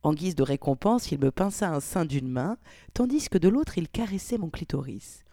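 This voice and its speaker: A woman's voice: low-pitched, expressive, moderate pace, mellow, no room sound, clean studio sound. A woman narrating an erotic audio story in an intimate, sometimes whispery tone.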